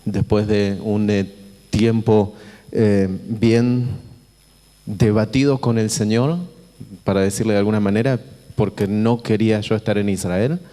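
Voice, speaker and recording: Preaching informally to a congregation, this Argentine man from Buenos Aires has a lowish, dark, soft-edged voice with fairly even intonation. He halts, repeats phrases and checks in with his listeners in a conversational way. Long reverb from the church auditorium surrounds him.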